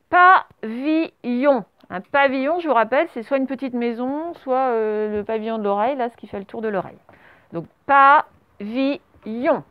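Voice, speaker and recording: This is a woman with a slightly high voice and no echo, a primary school teacher giving spelling dictation while masked. She stretches every syllable and spells the letters out loud. Behind her, traffic noise enters through open doors, and the sound is narrow and phone-like.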